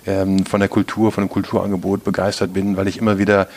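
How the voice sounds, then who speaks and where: A man in his fifties from East Westphalia, talking as an interview guest in a hesitant, measured way with many filler sounds. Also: low-pitched, monotone, darkish tone. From East Westphalia, Germany. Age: 50s. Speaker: interview guest, business executive. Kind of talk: casual interview talk.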